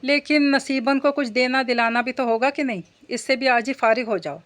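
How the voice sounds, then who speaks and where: A woman reading the part of a sharp-tongued older mother-in-law who gossips and complains. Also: high voice, normal speed.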